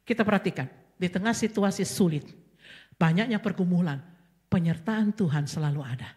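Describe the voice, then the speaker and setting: A middle-aged woman pastor, preaching with passion and swinging from soft asides to loud cries. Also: lowish voice, moderate pace. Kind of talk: sermon.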